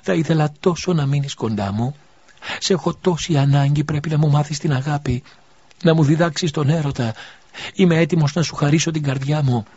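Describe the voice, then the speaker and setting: A man's voice: fairly high pitch, darkish tone, slightly rough, no room sound, voice pushed up. A man reading an audiobook voices a grieving young man who pleads desperately and lovingly. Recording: dull lo-fi recording.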